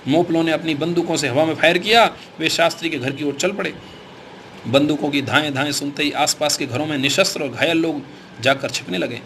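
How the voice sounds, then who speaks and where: A man narrating an audiobook in a steady, formal reading style. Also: a little high, fairly quick, a little hiss or hum.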